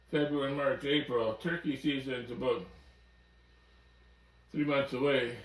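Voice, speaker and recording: Easygoing older guy in his 60s yapping to camera in a cabin, sounds a bit far off n echoey. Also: mid-range voice. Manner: folksy, easygoing storyteller. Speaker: outdoors vlogger. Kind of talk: casual chat to camera. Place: small cabin by a wood stove, indoors. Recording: roomy sound from off-mic.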